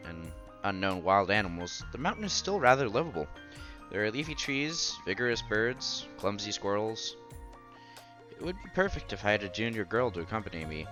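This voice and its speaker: With a lowish voice and a sharp tone, this streamer works through a visual novel aloud, interrupting the narration with relaxed conversational reactions. Game music plays in the background under him.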